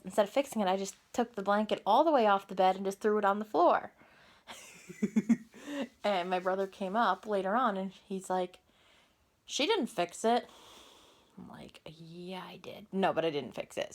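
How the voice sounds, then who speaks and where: Woman vlogger, casual storytime, rambling and self-correcting, mid pitch, phone-camera audio. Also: brisk.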